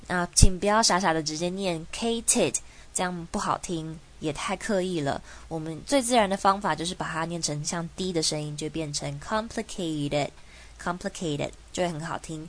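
A young woman hosts a pronunciation lesson, patiently saying words slowly and repeating them for learners. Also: lowish voice, fairly even intonation. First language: Mandarin. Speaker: host and English pronunciation teacher.

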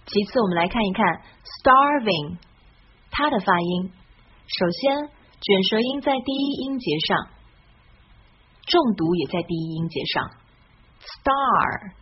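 A woman hosts an English pronunciation lesson with gentle encouragement, drawing her example words out slowly and fully. The voice track is a little dull and lo-fi, with a faint hiss underneath. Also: mid-range voice, expressive. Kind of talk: friendly scripted lesson narration.

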